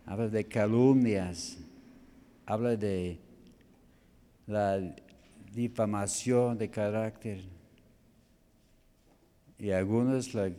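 A male preacher giving a sermon on a scripture passage, halting and spelling out Greek words letter by letter. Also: lowish voice, dark tone.

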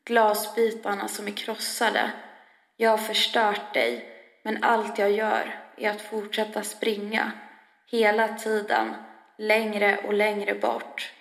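A woman reads a first-person spoken-word piece slowly and heavily, her voice carrying a gravelly fry. The recording sits in a roomy space with a long, ringing reverb trailing each line. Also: medium pitch, fairly bright tone. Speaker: reader. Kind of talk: scripted spoken-word narration. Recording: echoey room with long reverb.

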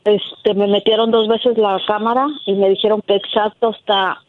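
A woman's voice: medium pitch, flat delivery, normal speed, dry recording. A woman in her fifties calling in by telephone, telling her personal story hesitantly with frequent filler words, on a tinny line. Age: 50s. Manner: hesitant, filler-heavy with repeated "este". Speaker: caller. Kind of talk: personal account to a call-in host.

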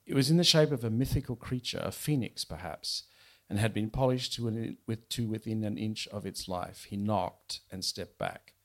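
A man, the author, speaking at a bookshop event. He chats wryly between passages and then reads his novel aloud. His voice sits low and carries a steady gravelly fry. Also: normal speed, hardly any pauses. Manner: chatty, wry, with fillers and restarts. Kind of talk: casual talk and reading aloud from his novel.

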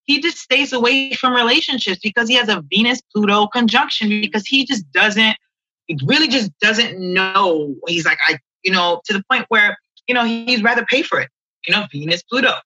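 This is a woman astrologer chatting casually on a podcast. Her voice is strikingly bright, and she talks in loose, rambling sentences full of fillers. The recording is close and completely dry. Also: medium pitch, normal speed, dry recording, poor audio. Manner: chatty, frequent "you know" fillers.

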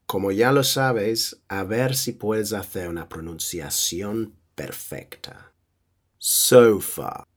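Slow, husky, low-voiced man teaching vocabulary. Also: a bit bright. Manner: playful, teasing quizzing; drills words with pauses to repeat. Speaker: English teacher. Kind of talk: vocabulary lesson.

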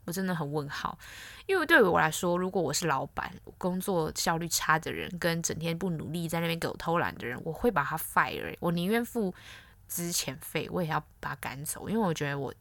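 Young woman host, candid and blunt, slightly low voice, dry booth sound. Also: sing-song, fairly quick, vocal fry, fairly bright tone, no echo. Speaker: podcast host. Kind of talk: casual solo podcast chat.

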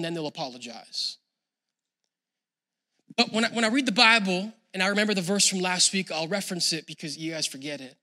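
Delivering a sermon in a high, very bright, forceful voice, this male pastor starts out relaxed and conversational with viewers at home. He then builds up to loud, emphatic preaching.

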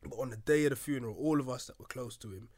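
A man's voice: mid-range voice, rapid-fire, darkish tone. A man speaking as a guest on a casual podcast, telling a long personal story earnestly and acting out what others said. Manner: earnest storytelling, acts out voices in quotes. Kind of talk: casual chat.

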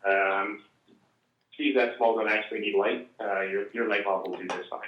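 A man's voice: on the low side, fairly even intonation, moderate pace. A young man calling in as a podcast guest, giving dry mock-serious advice. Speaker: phone-in guest. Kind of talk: joking casual chat. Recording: muffled lo-fi line in an echoey room.

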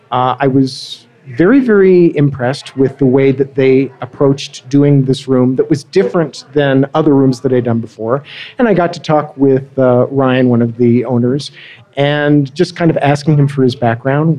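A man's voice: mid-range voice, normal speed, warm tone. A man answering interview questions as a guest, friendly and explanatory, often restarting his sentences. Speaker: guest, marketing director.

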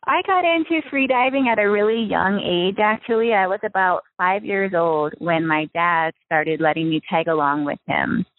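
A young woman from Hawaii, a freediving spearfisher, talking casually as an interview guest with many ums and soft laughs. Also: lowish voice, moderate pace, hardly any pauses. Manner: relaxed, chatty with frequent ums and soft laughs. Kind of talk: casual interview over the phone. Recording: tinny phone line, dry.

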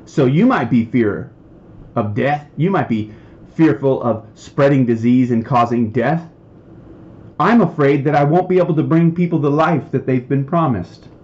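A man's voice: mid-range voice, moderate pace, darkish tone, lo-fi sound. A man preaching a heated, emphatic podcast sermon, getting worked up as he talks.

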